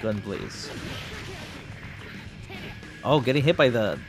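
A man giving live play-by-play commentary on a fighting game tournament, calling moves quickly with bursts of excitement. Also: on the low side, soft background music. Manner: fast play-by-play, bursts of excitement at big moments.

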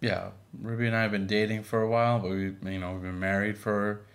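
Deep-voiced man, easygoing podcast co-host. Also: quick pace. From Boston, Massachusetts. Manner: relaxed, with frequent fillers. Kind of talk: casual chat.

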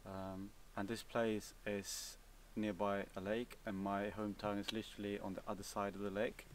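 A young man with a Swedish accent answers viewer questions outdoors in a relaxed, hesitant way, with many fillers and restarts. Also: fairly low pitch, normal speed, recorded from a distance, a little hiss or hum. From Sweden. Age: young adult. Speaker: vlogger. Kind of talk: casual Q&A answers. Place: outdoors, seated on a cabin bench by woods.

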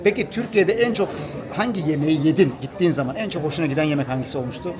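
High-voiced, fast-talking man. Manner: chatty, repeats phrases, coaxing questions. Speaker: vlog host. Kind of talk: casual vlog chat and interviewing. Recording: crowd chatter behind.

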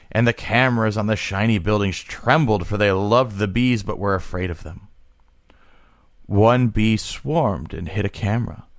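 A man, a podcast co-host, reading a short science-fiction story aloud at a slow, measured pace, sometimes stumbling over a word. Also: fairly low pitch, dry recording, studio quality.

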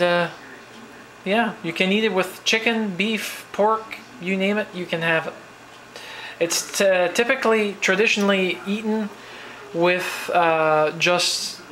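A Canadian home cook from New Brunswick, speaking at a measured pace in a high voice. He rambles easily through a casual cooking vlog, restarting often and leaning on fillers. The handheld-camera recording from his kitchen is low quality, with slight background noise.

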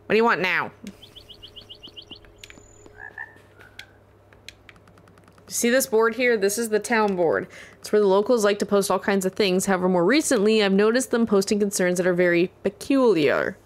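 A woman's voice: mid-range voice, fairly quick, lightly acted. Woman reading as a snarky money-hungry cat spirit. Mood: bossy. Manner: sarcastic, condescending read-aloud. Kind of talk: reading game dialogue aloud.

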